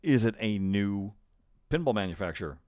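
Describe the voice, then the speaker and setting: A middle-aged man co-hosting a podcast chats casually and speculatively, thinking aloud. His voice is fairly low, expressive and darkish, at a moderate pace with no echo. He's recorded close on a boom-arm podcast microphone in a small room indoors at home.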